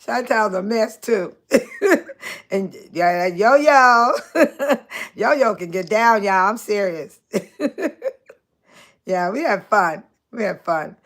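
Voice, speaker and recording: Chatting straight to her audience, an older livestream host from the Chicago area, in her 60s, reads comments aloud and greets viewers by name with frequent laughter. Her mid-range, fairly bright voice is slow, with many pauses.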